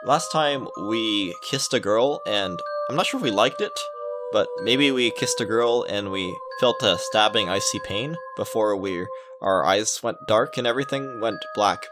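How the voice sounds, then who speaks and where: Game music sits beneath this let's player's voice as he reads a visual novel aloud at a measured pace. His pitch is fairly low, and he slips in playful, jokey asides.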